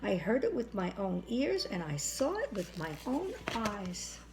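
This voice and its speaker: A woman's voice: medium pitch, big pitch swings, measured pace, noisy background. Woman voicing an earnest, pleading little storybook hen. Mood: alarmed, insistent. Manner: pleading, insistent. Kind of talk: children's storybook read-aloud.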